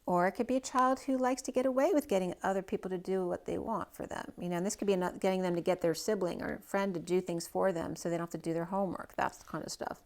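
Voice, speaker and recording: A woman with a mid-range voice gives a general tarot reading for a star sign. She rambles loosely, piling up one possibility after another and thinking aloud with frequent "right?" asides.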